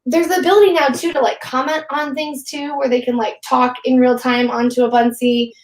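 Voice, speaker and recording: A woman's voice: high voice, little pitch movement, fairly quick, roomy sound, rough recording. A woman teacher chatting casually on a live webinar, rambling and filling her talk with "like". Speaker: teacher and guest.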